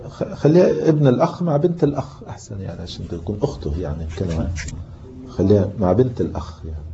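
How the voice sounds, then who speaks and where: A man with a lowish, expressive, creaky voice talks fast as he teaches Islamic inheritance law to a class in an Egyptian Arabic accent. He explains patiently, reads from the book, and quizzes his students with questions. The recording sounds like muffled lo-fi tape with a faint hiss.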